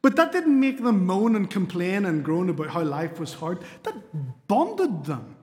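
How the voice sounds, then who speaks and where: A man's voice: high-pitched, big pitch swings, measured pace, a little mellow. A middle-aged man, preaching a sermon with earnest storytelling and light humor. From Spain. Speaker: pastor. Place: church sanctuary. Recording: long hall reverb in a church.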